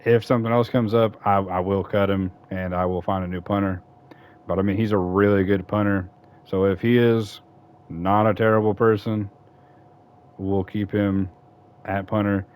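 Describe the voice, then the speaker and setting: This is a male gaming YouTuber giving casual franchise-mode commentary on a football game, chatty and meandering, frequently fixing what he just said. He speaks in a lowish, darkish voice.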